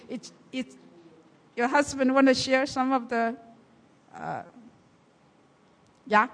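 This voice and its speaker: A woman pastor telling a story during a church service, animated and full of fillers. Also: mid-range voice. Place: church hall. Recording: long hall reverb from a church.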